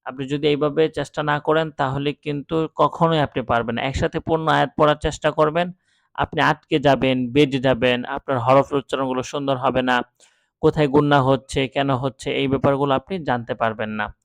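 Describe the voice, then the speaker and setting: A man's voice: mid-range voice, fairly even intonation, a little fast, creaky, no room sound. A man teaching Quran reading step by step, spelling out letters and then reading them together with patience. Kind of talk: step-by-step recitation lesson.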